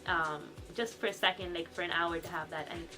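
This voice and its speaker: A woman's voice: fairly low pitch, fairly even intonation, sharp tone, faint music behind. A young woman from Pakistan, a student talking chattily in a documentary interview. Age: young adult. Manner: fast, chatty, restarts mid-sentence.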